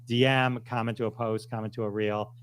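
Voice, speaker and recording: A man's voice: on the low side, level tone, brisk, a little hiss or hum. A man talking as a podcast guest, explaining in a loose, rambling way with frequent restarts and easy laughter. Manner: rambling, self-correcting, laughs easily. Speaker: podcast guest, software founder. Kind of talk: casual conversational explaining.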